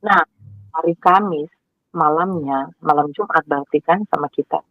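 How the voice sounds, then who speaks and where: A woman telling her personal story with animated emotion, acting out what people said and repeating words as she goes. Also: low-pitched, moderate pace, no echo. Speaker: guest sharing her conversion story. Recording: dry, tinny phone-like sound.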